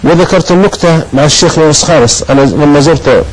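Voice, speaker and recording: A man rattles through anecdotes at great speed on a talk show. His voice sits a touch high, and he acts out the people in his stories as he goes. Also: quick pace, low-quality recording. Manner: animated storytelling, voices quoted people. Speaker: guest preacher.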